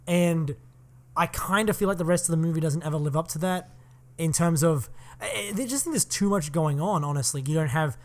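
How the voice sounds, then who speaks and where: A man's voice: fairly high pitch, fairly quick. A man co-hosting a film podcast, giving long, opinionated critiques in casual talk and swearing often.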